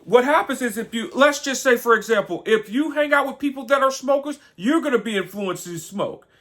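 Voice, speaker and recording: A man's voice: very high voice, expressive, brisk, fairly bright tone. A man co-hosting a casual talk show, earnest and explaining things with everyday examples. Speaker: co-host. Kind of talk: casual conversational commentary.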